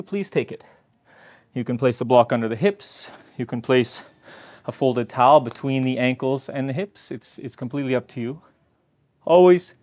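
A man teaching a guided yoga class, giving encouraging instructions and slightly out of breath. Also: medium pitch.

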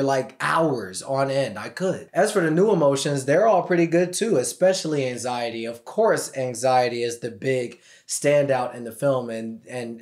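A young man hosting a casual movie review, talking enthusiastically with slang and the occasional swear word. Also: mid-range voice. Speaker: film reviewer host. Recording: echoey room.

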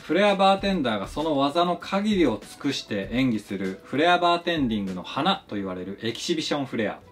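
A man in a mid-range voice walks through his bartending craft in polite, scripted narration. His pitch rises and falls a lot as he explains. Soft background music plays under him. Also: sing-song, fast talker.

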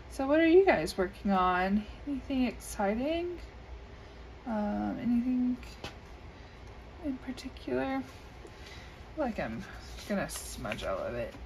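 A woman who makes coloring videos talks in a relaxed, unhurried way as she colors at her indoor desk, saying um often. Her scratchy voice is a little high and sing-song with a darkish tone, and she speaks slowly with long pauses. The audio comes from an overhead camera mounted above the desk.

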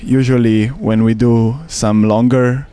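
Speaking slowly in a flat, mid-range voice with a dark, clean tone, this young man from Slovenia is a canoe sprint athlete interviewed outdoors by a regatta course. He holds a handheld mic and answers in careful non-native English, using fillers and restarting now and then.

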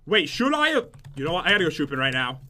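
A man chatting casually while playing a video game, joking around with sudden loud, excited outbursts. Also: a little high, quick pace. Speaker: gaming YouTuber. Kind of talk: casual gameplay chat.

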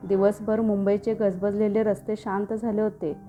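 A woman storyteller reading scripted narration in a steady, expressive manner. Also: mid-range voice, normal speed, faint music behind.

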